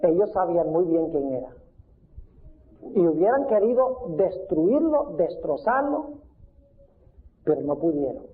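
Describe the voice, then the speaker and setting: High-pitched pastor preaching, punchy rhetorical questions, tinny phone-line sound. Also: male voice, big pitch swings, a little slow, long pauses. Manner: emphatic, rhetorical questions to the congregation. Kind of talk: sermon.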